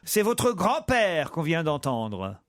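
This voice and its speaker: A man's voice: a little high, wildly swooping pitch, slow pace, noisy background. A man hosting a radio game show, teasing and handing out clues to the panel. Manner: teasing, plays along with the panel. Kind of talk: lively radio quiz hosting. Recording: music bed underneath.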